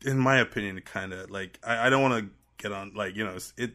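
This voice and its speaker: Podcast guest: a man with a bright, forceful Trinidadian accent tinged with American sounds, an animated storyteller. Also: fairly low pitch. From Trinidad and Tobago. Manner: animated storyteller, quick to laugh. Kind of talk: casual podcast chat.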